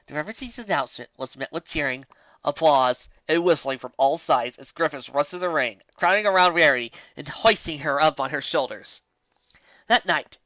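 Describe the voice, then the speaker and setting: A man with a voice on the high side and a sharp tone reads a fantasy story aloud as narrator, theatrically and dramatically. It's an expressive amateur fan fiction reading, with lo-fi sound and no room sound.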